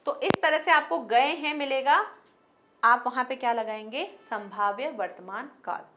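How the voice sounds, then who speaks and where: High-voiced woman teaching Hindi grammar. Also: unhurried, sharp tone, soft background music. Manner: explains with everyday example sentences, talks directly to students; mixes English words into Hindi. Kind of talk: online grammar lesson.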